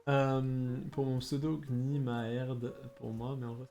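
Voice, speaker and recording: A man's voice: mid-range voice, level tone, slow, dark tone. Young male Japanese teacher, casual and hesitant livestream delivery, mid-range voice, faint music behind. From Bordeaux, France. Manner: chatty, hesitant, many fillers, answers chat.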